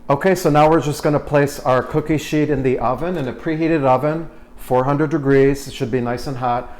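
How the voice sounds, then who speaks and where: A man co-hosting a home cooking video, walking through baking steps in a relaxed, instructive way. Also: mid-range voice, fairly quick. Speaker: cooking show co-host. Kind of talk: cooking demonstration.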